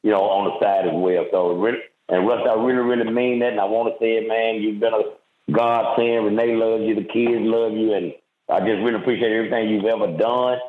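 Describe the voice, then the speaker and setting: A man's voice: lowish voice, fairly even intonation, fairly quick. A man who owns a restaurant, calling into a casual podcast interview and speaking in a heartfelt, sincere way. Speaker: restaurant owner guest. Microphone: phone. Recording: tinny echoey phone line.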